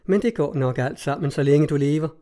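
A man's voice: a little high, completely flat delivery, dark tone, natural voice. A man reading an audiobook and voicing a blunt, coarse-mouthed young farm woman who speaks curtly and challengingly. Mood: defiant. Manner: curt, challenging. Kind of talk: audiobook narration.

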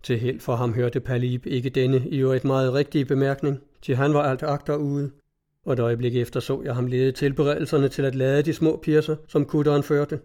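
A man reading a classic sea novel aloud in an even, measured storytelling manner. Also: medium pitch. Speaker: audiobook narrator.

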